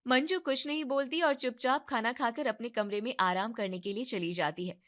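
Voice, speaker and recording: High-voiced woman narrating a story. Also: normal speed. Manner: even, storytelling.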